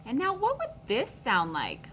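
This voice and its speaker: A woman teaches young children to read, speaking slowly and carefully as she sounds out each word. Her voice is bright and clear. A faint rumble hums in the background. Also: wildly swooping pitch, low-quality recording. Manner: slow, encouraging, sounds words out for kids. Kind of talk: online phonics lesson for children.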